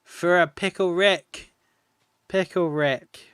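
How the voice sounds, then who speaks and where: A man talks his way through a game live stream, rambling and joking, with a tired edge. His voice sits a little high and sounds smooth and clear. The mic is close, with a dry sound. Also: fairly even intonation, slow, a bit bright, no echo. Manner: chatty and rambling, laughs at his own jokes. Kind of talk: casual live-stream commentary.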